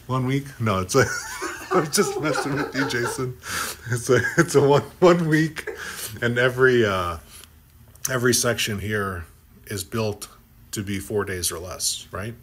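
In an office meeting room, a middle-aged podcast host talks into a desk mic, upbeat and teasing, during a lively on-site chat. His voice sits at medium pitch and is a bit bright, with a measured pace. There's slight background noise.

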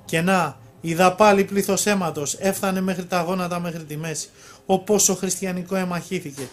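Man with a high voice reading an end-times prophecy, trips on words sometimes. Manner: steady reading with occasional stumbles and restarts. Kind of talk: reading a religious prophecy aloud.

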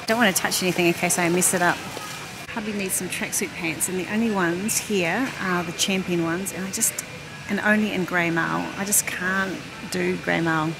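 Recorded with poor audio over music, a middle-aged vlogger speaks in a low, steady, gravelly voice at normal speed. She's browsing a busy warehouse store, filming on a handheld phone and chatting her thoughts aloud amid loud store noise.

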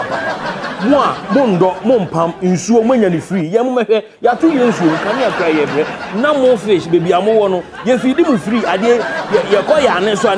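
A man with a Ghanaian West African accent hosts a satirical comedy news show. His voice sits very high for a man and he speaks theatrically, repeating phrases for effect. Noise and crowd sound sit behind his voice. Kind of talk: comic satirical news commentary. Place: indoor TV studio set. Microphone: lapel mic.

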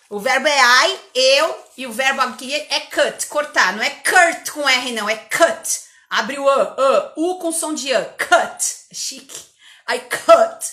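Woman, English teacher, interior São Paulo accent, high voice, energetic drilling, live online lesson. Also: echoey room. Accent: interior São Paulo Portuguese. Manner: energetic, drilling and repeating words.

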